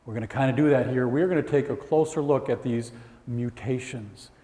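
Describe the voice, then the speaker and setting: A middle-aged man giving an energetic, joking lecture to college students as a guest speaker. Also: medium pitch, a little fast. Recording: echoey hall with long reverb.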